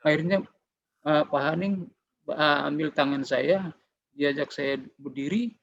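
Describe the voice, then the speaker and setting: A man's voice: fairly high pitch, measured pace, vocal fry, fairly bright tone. A middle-aged man giving a personal faith testimony, telling his story conversationally and acting out the dialogue. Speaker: testimony giver. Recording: dull, slightly muffled recording.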